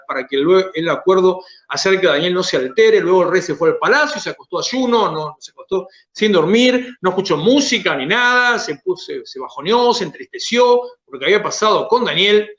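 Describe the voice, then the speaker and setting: Emphatic Argentine pastor preaching, roomy. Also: male voice, lively intonation, a little fast, hardly any pauses, highs cut off. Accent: Argentine Spanish. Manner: emphatic preaching, swinging between raised, stretched phrases and soft low asides. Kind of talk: sermon.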